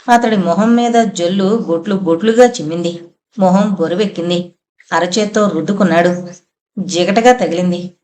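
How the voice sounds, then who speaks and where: A woman's voice: medium pitch, darkish tone. Woman reading a suspense audio novel. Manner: measured, dramatic storytelling. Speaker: audiobook narrator. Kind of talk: scripted narration of a suspense novel.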